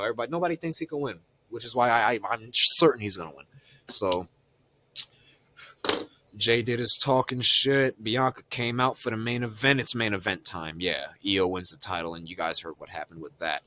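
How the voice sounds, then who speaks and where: Deep-voiced man recapping wrestling casually. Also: fairly quick, pushed and bright. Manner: loose and profane, lots of fillers. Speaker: podcast co-host.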